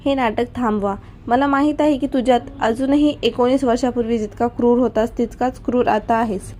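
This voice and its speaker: A woman's voice: a little high, fairly even intonation, a little fast, darkish tone, a little hiss or hum, lightly acted. A woman voicing a bitter widowed mother who angrily confronts the man who killed her husband. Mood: angry. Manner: angry, accusing.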